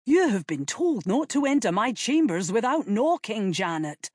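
A woman's voice: medium pitch, big pitch swings, moderate pace, darkish tone, no room sound, clean studio sound, voice pushed up. A woman reading the lines of a stern middle-aged earl who gives curt commands in a storybook.

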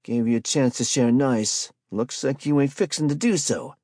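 A man's voice: mid-range voice, moderate pace, dry recording, studio quality, pitched above the performer's own voice, close to an everyday voice. A man voicing a menacing adult street hustler who bullies and robs, in swaggering slangy speech, for a spoken story. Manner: swaggering slangy street talk, pushy and loud.

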